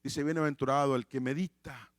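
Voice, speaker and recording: A man's voice: mid-range voice, steady tone, a little fast, no room sound, studio quality. A man preaching a sermon, repeating key phrases for emphasis and often restarting words.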